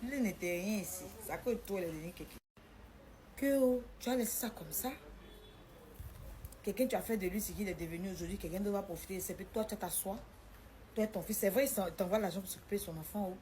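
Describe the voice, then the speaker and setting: A woman's voice: mid-range voice, fast talker, slight background noise. A woman telling her own story, acting out what people said in a shifting voice. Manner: animated, acts out the dialogue in a shifting voice. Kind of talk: personal storytelling.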